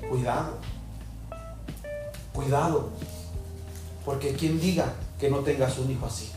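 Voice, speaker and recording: A woman preacher delivering an animated sermon, mimicking people in mocking voices. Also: very deep voice, fairly quick. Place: large echoing church hall. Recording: very echoey hall with faint music.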